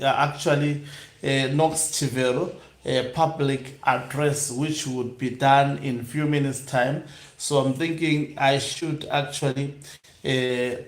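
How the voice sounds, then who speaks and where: A man with a slightly high voice hosts an online news channel, reading aloud and commenting live in an echoey room. His delivery is halting and hesitant, broken by drawn-out pauses.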